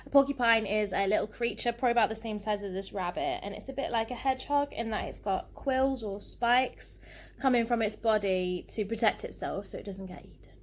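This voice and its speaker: Expressive woman teacher reading poems. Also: medium pitch, a little fast. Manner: expressive, lively storytelling. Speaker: primary school teacher. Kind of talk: reading poems aloud to children.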